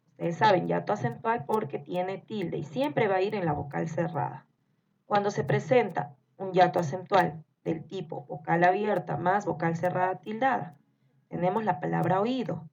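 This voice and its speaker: A woman teaching a grammar lesson, speaking slowly and deliberately and spelling out syllables one by one. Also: medium pitch, creaky, darkish tone, a little hiss or hum. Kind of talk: scripted grammar lesson narration. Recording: dull lo-fi recording.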